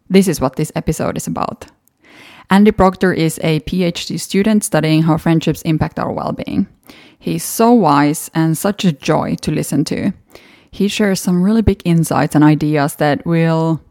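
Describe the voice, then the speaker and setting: A native Finnish speaker from Finland hosts a solo podcast, talking through past episodes in an earnest, encouraging manner with a Finnish accent. Her voice sits low with a dark tone, recorded with studio quality and no echo.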